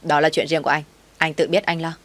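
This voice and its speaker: A cold, domineering young husband , as a woman reader voices him. He gives orders harshly in a low voice. It is a spoken audio story. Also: flat delivery, fast, a bit bright. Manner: harsh, commanding.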